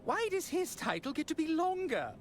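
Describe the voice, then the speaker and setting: Dim squabbling posh son, very high, swooping pitch, petulant, comedy game. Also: female voice, big pitch swings, slight background noise. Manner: petulant, slow-witted. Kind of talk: comedic adventure game acting.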